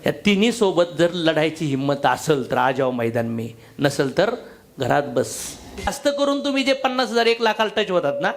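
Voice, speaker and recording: A man's voice: on the high side, very animated, moderate pace. A man giving a motivational business seminar talk to a live audience, blunt and slangy, joking and firing questions at the crowd.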